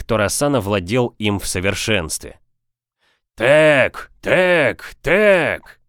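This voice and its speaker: A man with a lowish voice narrates an audiobook, telling the story in a steady, measured way. The recording is dry and of studio quality.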